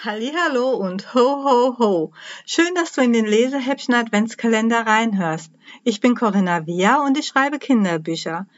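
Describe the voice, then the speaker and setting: A woman who writes children's books, reading a Christmas story aloud to children in a cheerful, lively way. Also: a little high, moderate pace, no room sound, dull audio.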